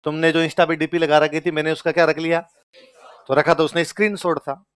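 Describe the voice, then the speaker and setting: A man's voice: fairly high pitch, brisk, clean tone. A young man with a Rajasthani accent, giving a joking classroom lecture and quizzing his students. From Churu, Rajasthan. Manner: lively, jokey, asks the class questions. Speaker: teacher.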